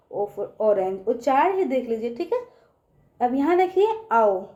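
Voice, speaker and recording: A woman's voice: sits high, warm tone, muffled recording. A woman teaching children, patient and repeating her points often. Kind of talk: children's lesson.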